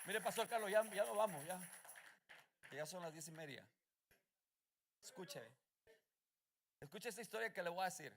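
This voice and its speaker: A male pastor preaching a fervent sermon, moving between calm storytelling and loud shouted calls to his congregation. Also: high-pitched, normal speed, pauses often.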